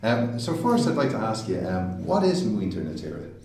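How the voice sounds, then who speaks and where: A man with a very deep, dark voice hosts a history podcast, reading a polite intro and then asking questions. He sounds set back from the mic in a very echoey room, with faint noise behind him. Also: huge pitch swings, moderate pace, far from the mic. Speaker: podcast host. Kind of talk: scripted intro and interview questions.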